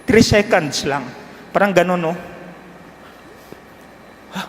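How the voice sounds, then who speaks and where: High-voiced priest telling an emotional story. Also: male voice, slow, slight background noise. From Philippines. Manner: emotional, animated retelling with acted quotes. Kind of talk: homily storytelling. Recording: long reverb with loud guitar music.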